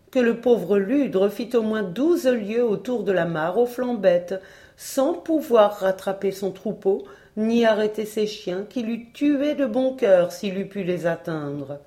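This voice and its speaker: A woman narrates a folk tale as an audiobook reader. Her storytelling is measured and expressive. Her voice is mellow and warm, and sits at a middle pitch.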